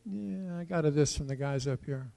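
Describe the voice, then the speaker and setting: A man from the United States preaching a sermon, moving between quiet asides and loud declarations and asking the congregation questions. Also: fairly high pitch, moderate pace, vocal fry. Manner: tells personal stories and asks the congregation questions. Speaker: pastor.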